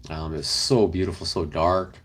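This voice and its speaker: This livestream host is a young man whose low, slightly breathy voice moves at a moderate pace with fairly even intonation. Car camping indoors with his partner, he chats casually and reads comments in a loose, rambling manner full of fillers.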